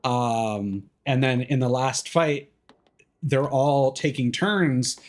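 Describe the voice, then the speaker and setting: Here the medium-pitched voice moves slowly as the streamer chats through a game on a livestream. The remarks are laid-back yet analytical, meandering and often dropping off before a thought is complete.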